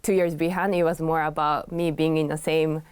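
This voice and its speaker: Lady pianist chatting in an interview, lowish voice, soft-spoken, dry sound. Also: level tone, normal speed, smooth, no echo. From Japan. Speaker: pianist guest. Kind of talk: conversational interview.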